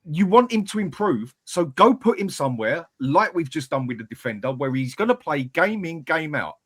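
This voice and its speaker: A man's voice: on the high side, big pitch swings, moderate pace, fairly bright tone, breathy edge. A man arguing bluntly in a casual football debate, with mild swearing.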